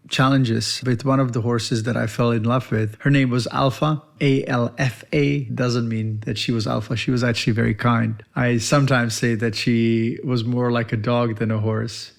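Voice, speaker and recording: A man's voice: medium pitch, steady tone, normal speed, vocal fry, few pauses. A man, a veterinarian hosting his own podcast, earnestly telling his life story in a reflective monologue. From Czech Republic. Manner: earnest and reflective, with some non-native phrasing.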